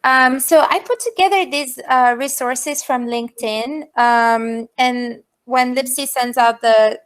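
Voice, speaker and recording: A woman's voice: high voice, takes it slowly, clean tone. A woman in her thirties with an Albanian accent, giving an informal career presentation to students over a video call as a guest speaker.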